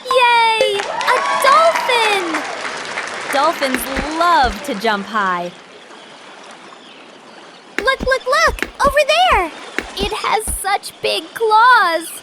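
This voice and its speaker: A woman voicing a squeaky, bubbly cartoon sea captain girl. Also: huge pitch swings, extremely slow, pauses often, a loud crowd, very noisy, full character voice. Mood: bubbly excited. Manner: gushing, exclamatory, sing-song questions to the viewer. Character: cheerful young female sea captain guiding kids. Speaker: narrator guide for small children. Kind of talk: cartoon narration for toddlers. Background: loud children's music.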